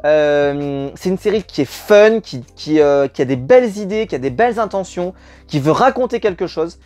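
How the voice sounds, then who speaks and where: A man's voice: fairly high pitch, animated, normal speed, a little mellow, faint music behind. A young man reviewing a TV series in casual talk, rambling with many fillers and repeated words. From France.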